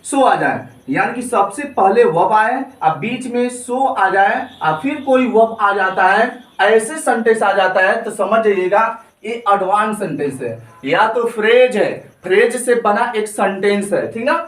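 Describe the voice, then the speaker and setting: A man with a high voice teaches a grammar lesson, asking the same question again and again and answering it himself. He sounds set back from the mic in an echoey room. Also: animated, unhurried, few pauses, fairly bright tone, recorded from a distance. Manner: repetitive question-and-answer drilling. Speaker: spoken English teacher.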